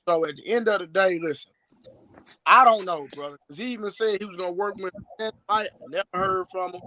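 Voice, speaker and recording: Boastful high bright-voiced man. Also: dry recording. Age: 30s. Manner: boastful, emphatic, repeats words. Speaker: strength and conditioning coach. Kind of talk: live stream guest talk. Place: live video call.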